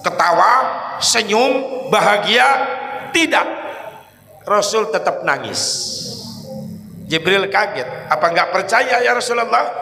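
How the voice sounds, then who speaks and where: A man with a Sundanese accent preaching a lively story sermon in a mosque, dramatic and emphatic, rising to shouts at the high points. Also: slow, gravelly, long pauses, reverberant, big-room sound.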